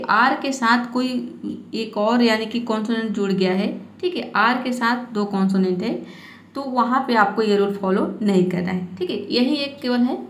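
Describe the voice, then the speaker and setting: A woman teaching English reading and spelling rules in Hindi, patiently repeating each point and checking with her viewers. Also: fairly high pitch. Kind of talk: explaining spelling and pronunciation rules. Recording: echoey room.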